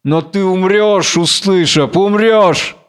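A male reader voices Samson, the blind biblical strongman, in a fury, hurling exalted, menacing taunts into the dark. His voice rides high, ringing, smooth, and resonant, and he takes his time. The wild, theatrical declamation recalls an old audiobook drama.

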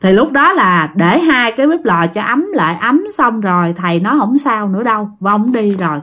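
A woman's voice: mid-range voice, animated, moderate pace, a bit bright. A woman telling listener-sent ghost stories as a channel host, chatty and often talking straight to her audience. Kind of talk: told ghost story narration.

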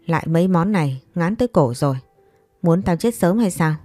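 A woman's voice: lowish voice, lively intonation, a little fast, mellow, dry recording, clean studio sound, faint music behind. A woman voicing a grumpy old father-in-law who complains about his food. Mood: grumbling. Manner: grumbling, complaining.

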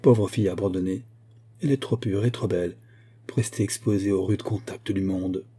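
A man reading an audiobook, voicing a gentle, concerned young man in a soft, subdued voice. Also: sits low, steady tone, moderate pace, slightly rough. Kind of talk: audiobook character voice.

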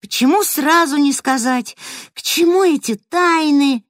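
A woman's voice: high-pitched, unhurried, dry recording, clean studio sound, voice pushed up. A woman reading aloud voices an earnest, curious young girl. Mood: worried.

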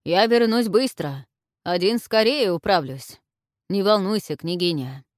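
A decisive male retainer, as a woman reader puts him on, brisk and commanding, his lines louder and higher than the narration. The recording is dry and close. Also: expressive, no echo, lightly acted.

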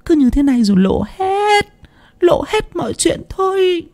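Man playing a bossy old village woman, shrill, high pitched, scolding, sharp, ghost story reading. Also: big pitch swings, moderate pace, heavily acted.

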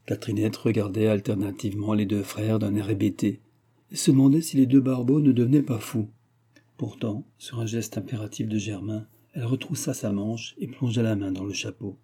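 A man reading a classic novel aloud in measured, scripted narration. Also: on the low side, fairly even intonation, dark tone, slightly rough. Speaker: audiobook reader.

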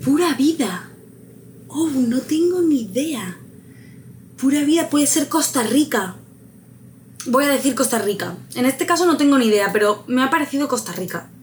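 A woman's voice: high-pitched, expressive, normal speed, slight background noise. Musing woman guessing aloud. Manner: musing, hesitant, laughs at own luck. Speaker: vlogger taking a quiz. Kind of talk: casual thinking aloud.

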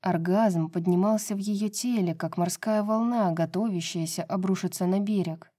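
A woman narrating a romance novel as an audiobook, in an even reading voice. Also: mid-range voice, normal speed.

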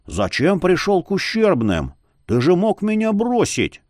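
A brash, stubborn young warrior who demands answers and blurts things out, as a man puts him on for a fantasy audiobook. The voice rides higher and louder than the reader's own, swinging widely in pitch. It is recorded dry and close. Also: huge pitch swings, unhurried, no room sound, exaggerated voice. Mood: agitated. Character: young man, hot-headed stubborn guild fighter.

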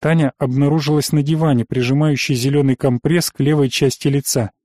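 A man narrating a first-person fantasy audiobook in a measured, tense storytelling manner. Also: mid-range voice, steady tone, dark tone, no room sound, studio quality.

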